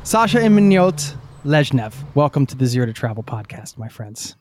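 A man hosting a travel podcast, friendly and quick to laugh. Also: medium pitch, big pitch swings, a little mellow, slight background noise. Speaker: podcast host.

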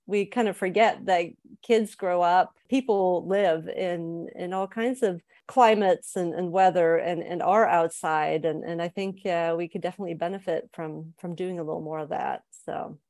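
Woman from Sweden, author guest; measured, explanatory delivery, slightly low pitch, dry close recording. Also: fairly even intonation, a little mellow, no room sound. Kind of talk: podcast interview.

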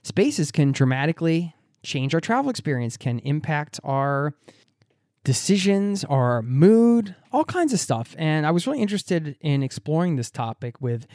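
An American man hosting a travel podcast, speaking in a reflective, animated way with occasional laughs. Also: a little high, dry recording, studio quality. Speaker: podcast host. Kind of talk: podcast interview.

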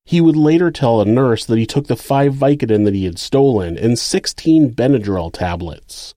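A man's voice: medium pitch, lively intonation, normal speed, warm tone, no room sound, studio quality. A man with an American accent reading scripted true crime narration as the narrator of the case.

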